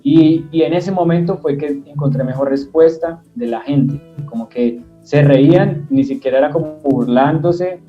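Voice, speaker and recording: Over soft background music and somewhat dull audio, a young comedian from Tolima, Colombia, speaks in a voice on the high side. Interviewed casually at home as a guest, he reflects, makes self-deprecating remarks, and fills gaps with "eh."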